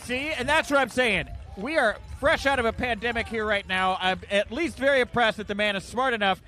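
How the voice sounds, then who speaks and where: A man's voice: very high-pitched, a little fast, pushed and bright, soft background music. A man doing biased play-by-play commentary at an outdoor wrestling show, openly cheering one side.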